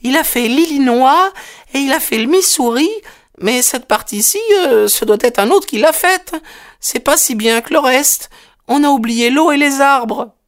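A woman's voice: high-pitched, unhurried. A woman voicing a small, innocent girl lost in the desert, chattering eagerly and asking question after question in an audiobook. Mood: earnest.

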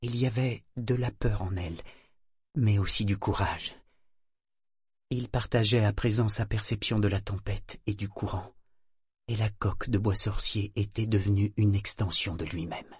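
A man reading an audiobook with steady, measured storytelling. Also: lowish voice, husky, dry recording, studio quality. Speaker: audiobook narrator. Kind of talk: scripted audiobook narration.

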